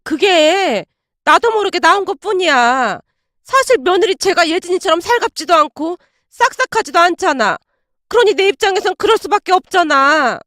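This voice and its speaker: A woman's voice: very high-pitched, lively intonation, normal speed, pushed and bright, no room sound, clean studio sound, voice pushed up, full character voice. A woman voicing a nagging, defensive older mother-in-law who justifies herself in a whiny tone.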